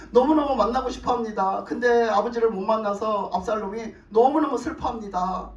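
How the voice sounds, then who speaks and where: A man's voice: high-pitched, normal speed, reverberant, far from the mic, natural voice. A preacher voicing a loyal older army general who pleads earnestly before the king. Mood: pleading.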